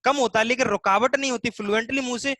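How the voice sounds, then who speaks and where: Guy teaching hindi in a live class, high bright voice, stretches out the vowels. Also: steady tone, quick pace, dry recording. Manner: explains step by step, often asking students questions; stretches vowel sounds to demonstrate them. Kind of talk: live online class lecture.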